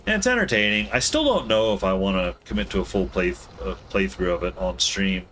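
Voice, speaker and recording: Streamer, male, lowish voice, loose rambling commentary with self-corrections, faint room hiss behind. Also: animated, a little fast, fairly bright tone. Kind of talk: casual gameplay commentary.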